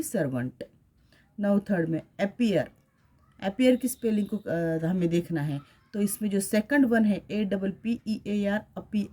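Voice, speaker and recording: A woman's voice: medium pitch, a little mellow. Woman teacher spelling out words. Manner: spells words letter by letter, mixes Hindi and English. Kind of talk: classroom lesson explaining a workbook.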